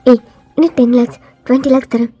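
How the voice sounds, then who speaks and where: A woman's voice: fairly high pitch, little pitch movement, brisk, warm tone, breathy edge, dry recording, voice pushed down. A woman voicing a cold, arrogant young male CEO who talks in a taunting, domineering way. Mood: insistent. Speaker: voiceover artist.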